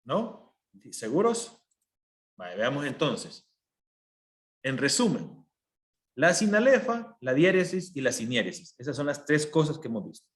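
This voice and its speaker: A man teaching a class over a video call, patient and methodical. He breaks every point into small steps and stops often to ask whether everyone is following. His voice sits at an ordinary middle pitch. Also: sing-song, unhurried, pauses often. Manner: patient, explains step by step with frequent checks for understanding. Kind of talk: online class lecture.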